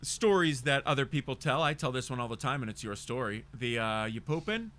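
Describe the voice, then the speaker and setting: A man's voice: medium pitch, expressive, fairly quick, a bit bright. A man co-hosting a podcast in casual chat, throwing in dry, teasing wisecracks. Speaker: podcast co-host.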